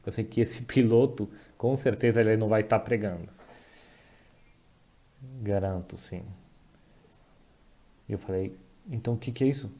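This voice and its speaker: A man speaks a dubbed testimony in a low, deeply mellow voice. He keeps stopping to restart and correct himself as he tells it, so the delivery sounds halting. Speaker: voice-over interpreter dubbing a testimony.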